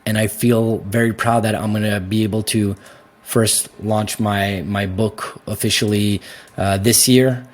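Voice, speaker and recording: A young Canadian man answering interview questions in a casual, animated way, laughing easily and often restarting his sentences. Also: on the low side, a little slow. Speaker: guest.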